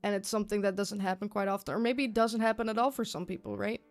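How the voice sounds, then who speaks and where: A woman's voice: mid-range voice, little pitch movement, quick pace. A woman chatting casually on a livestream, rambling and repeating herself in an informal, sweary way. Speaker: live streamer. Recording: music playing behind the voice. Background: music.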